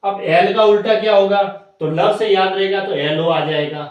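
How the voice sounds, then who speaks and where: A high-voiced man teaches an exam-prep lesson, laying out memory tricks step by step and repeating each point. He sounds far from the mic in a very echoey room. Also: steady tone, normal speed, lo-fi sound.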